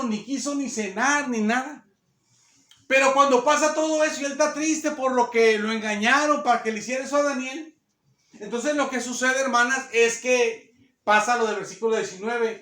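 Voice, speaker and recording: A man's voice: very high voice, a bit bright. A man, walking his listeners patiently through the passage and circling back over his own words. His voice rings through an echoey church hall. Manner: earnest, explains slowly and repeats phrases. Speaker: preacher. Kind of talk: sermon. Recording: echoey room.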